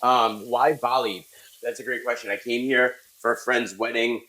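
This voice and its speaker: A middle-aged American man, a chef, explaining his cooking in a casual, halting conversational way. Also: mid-range voice, fairly even intonation, pushed and bright. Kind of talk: casual cooking demonstration and chat. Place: restaurant kitchen. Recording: echoey kitchen room sound.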